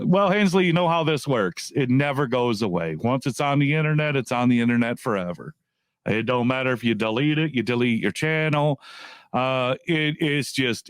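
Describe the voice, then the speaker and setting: Swearing male YouTube ranter, lively pitch. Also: dry recording, studio quality. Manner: profane, repetitive, restarts phrases. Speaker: YouTube commentator. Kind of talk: casual rant to camera.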